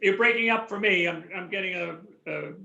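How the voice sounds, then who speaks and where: A woman's voice: medium pitch, a little fast, pushed and bright. A woman on a village board conference call, whose voice comes through a poor call line that breaks up as she interrupts to say she can't hear. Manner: interrupting to report a bad connection. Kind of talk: meeting discussion over a conference call. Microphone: phone or computer on a conference call. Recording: lo-fi, distant, echoey call audio.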